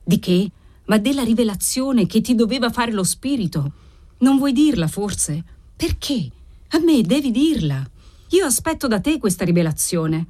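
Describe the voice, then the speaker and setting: A woman's voice: fairly high pitch, sing-song, normal speed, dark tone. A woman voicing a harsh old marchese. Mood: demanding. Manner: demanding, interrogating. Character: proud older male aristocrat, obsessive and harsh.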